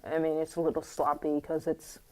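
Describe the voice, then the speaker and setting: A young woman vlogging in a casual, rambling monologue full of fillers and restarts, her voice a little squeaky from the morning and talking through a mask. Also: monotone, brisk, darkish tone, low-quality recording. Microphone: wearing a mask.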